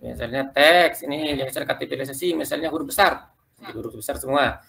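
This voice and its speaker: A man leading a quick, loose tutorial for teachers, talking them through slides step by step. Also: mid-range voice, creaky, a bit bright. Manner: quick, loose explaining, keeps addressing listeners as "Bapak Ibu". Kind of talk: live screen-share tutorial.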